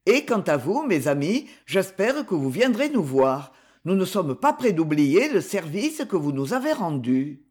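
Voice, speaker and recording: A man's voice: high-pitched, very animated, measured pace, darkish tone, slightly rough, exaggerated voice. A man reading a storybook, voicing a courteous, well-off older father who speaks with effusive, polite gratitude. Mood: grateful.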